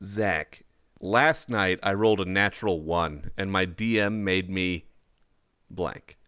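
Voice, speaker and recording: Low, slow, laid-back male host. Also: a bit bright, smooth, no room sound, studio quality. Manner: laughs often, reads prompts aloud. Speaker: game show host. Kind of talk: casual online game chat.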